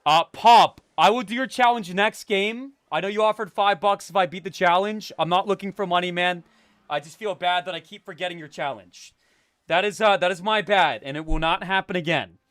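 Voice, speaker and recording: Young guy streamer talking to chat, kinda high voice, goes loud then drops to a low fake-scary mutter, dry mic. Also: normal speed, dry recording. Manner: swings between loud hype and low mock-menacing mutter. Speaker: live streamer. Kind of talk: casual live-stream chat with viewers.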